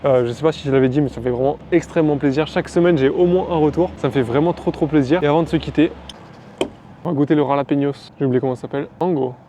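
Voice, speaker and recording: A man's voice: fairly high pitch, fairly even intonation, fast, mellow, slight background noise. A man vlogging casually outdoors, chatty and rambling with many fillers, on a phone camera. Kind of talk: casual daily vlog.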